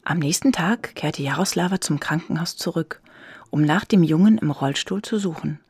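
A woman narrating a children's story in an expressive, soft storytelling manner. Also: deep voice, normal speed, husky, dry recording.

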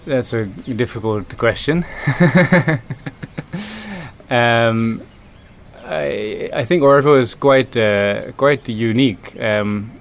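A man's voice: mid-range voice, takes it slowly, creaky, a little hiss or hum. A man from the Netherlands, a food system consultant answering interview questions thoughtfully, with many ums and restarts.

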